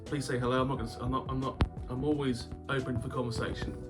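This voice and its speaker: He runs a casual YouTube vlog about game collecting, backed by guitar music. A sore throat and a cough sweet in his mouth don't stop his wry, rambling talk, delivered at medium pitch in a level tone and quick pace, punctuated by chuckles.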